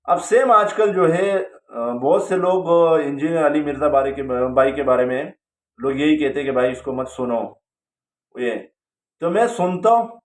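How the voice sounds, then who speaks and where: A man's voice: on the high side, expressive. A man casually telling a personal story, rambling, with frequent hesitations. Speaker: storyteller recounting his religious journey. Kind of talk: casual spoken testimony. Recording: roomy, distant from the mic.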